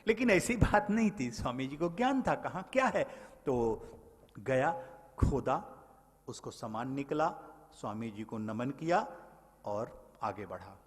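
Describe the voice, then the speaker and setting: A man's voice: medium pitch, very animated, unhurried, long pauses. Emphatic male spiritual teacher preaching. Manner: emphatic, swings between loud exhortation and soft storytelling; addresses listeners as brothers. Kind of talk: Hindi spiritual sermon. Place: large event hall. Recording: long hall reverb.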